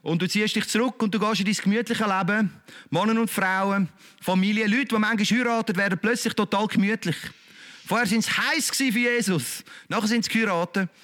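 A man's voice: high voice, fairly quick, fairly bright tone. A man with a Swiss German accent preaching a sermon in a colloquial, emphatic, repetitive way.

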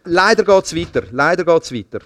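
A middle-aged man with a Swiss German accent preaching a sermon, telling stories in a lively way, repeating words and swinging between hushed and loud passages. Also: on the high side, normal speed, no echo. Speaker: pastor.

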